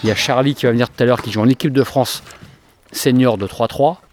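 Measured middle-aged basketball coach. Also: male voice, mid-range voice, noisy background. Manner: measured, explanatory. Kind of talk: interview answers.

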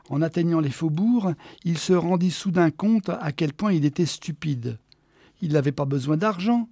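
Fairly high-voiced man narrating a story. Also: no room sound, clean studio sound. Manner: expressive, slowing for quiet moments. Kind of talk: audiobook narration of a short story.

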